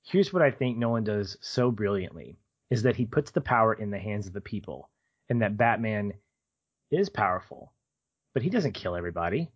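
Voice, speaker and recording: A man talks about films as a podcast co-host, in a conversational and reflective way. He builds points through rhetorical questions. His voice sits somewhat low, and the recording is a little dull. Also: lively intonation, moderate pace, slightly rough. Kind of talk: conversational film discussion.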